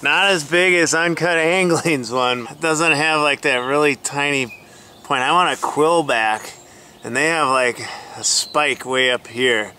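A man in his forties, fishing from an outdoor riverbank, chatting excitedly to the camera and to the fish he catches. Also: on the high side, measured pace, a little hiss or hum. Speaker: fishing vlogger. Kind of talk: casual narration while fishing. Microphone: chest-mounted action camera.

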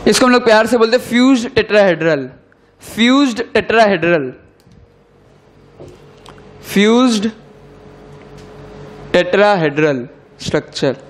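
A young male chemistry teacher with a high-pitched voice lectures a class, dictating definitions slowly and repeating them so students can take them down. His pitch drops at the end of each key term, and there's a slight hiss or hum in the audio.

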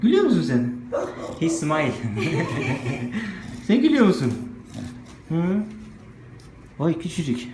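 A man vlogging casually and excitedly, cooing baby talk to puppies between remarks to his viewers. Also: on the high side, slow, pauses often. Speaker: vlogger showing dogs. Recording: echoey room with background noise.

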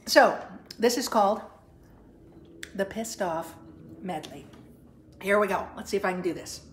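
A woman's voice: medium pitch, a little slow. A woman singer-comedian chatting loosely between songs on her own live stream, with wry asides and plenty of ums. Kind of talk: casual chat between songs. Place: her living room at home. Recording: roomy living room with guitar. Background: guitar.

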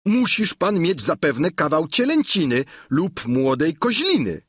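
Audiobook casting: brash, hungry peasant squire, high and blustering, read by a man, dry close sound. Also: big pitch swings, unhurried, breathy edge, no echo, exaggerated voice. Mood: pleading. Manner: loud, high, insistent. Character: boisterous greedy peasant squire, middle-aged man. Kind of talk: audiobook reading.

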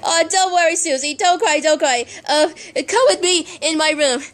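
A woman playing a gentle young woman with a high, light voice who stumbles over her words as she soothes someone. It has the easy feel of a homemade play. Her tone stays soft and reassuring. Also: moderate pace, background noise, close to an everyday voice. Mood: soothing. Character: caring young woman comforting a friend.

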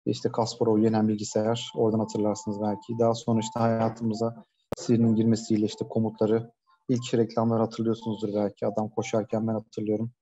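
A man presents a webinar over a video call, speaking in a flat, even tone with a mellow, dark timbre. He talks conversationally and pauses often with fillers. The audio is dull and lo-fi. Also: lowish voice, slight background noise. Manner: conversational, many hesitations and fillers. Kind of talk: casual online lecture. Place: shared coworking space.

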